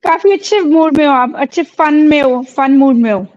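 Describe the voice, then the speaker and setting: A woman's voice: high voice, normal speed, a little mellow. A woman teacher addressing her class in a stern, firm way, switching between Hindi and English. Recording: dull lo-fi sound.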